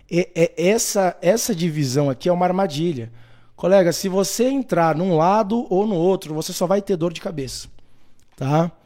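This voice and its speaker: A fairly high-pitched Brazilian man talks to camera, delivering blunt, animated opinions directly to the listener, whom he calls "colega" and "meu filho." He often imitates the people he quotes in mocking voices.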